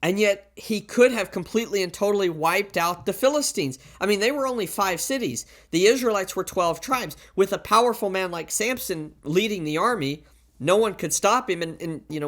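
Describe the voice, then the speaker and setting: A man's voice: sits high, lively intonation, moderate pace, fairly bright tone. A man preaching a sermon into a pulpit microphone, in a plain conversational way, often asking rhetorical questions and stacking up repeated warnings.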